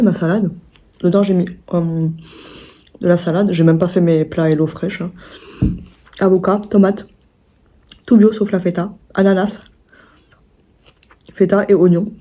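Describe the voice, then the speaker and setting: Husky young woman chatting at home. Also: fairly low pitch, fairly even intonation, unhurried, pauses often, mellow. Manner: rambling, chatty, full of restarts and fillers. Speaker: vlogger. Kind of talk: casual vlog chat. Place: at home indoors.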